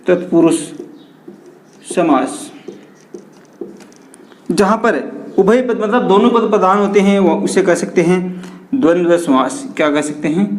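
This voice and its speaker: A male teacher giving an online grammar lesson, repeating key terms as questions to the class and dropping his pitch on each stressed term. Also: roomy sound. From India.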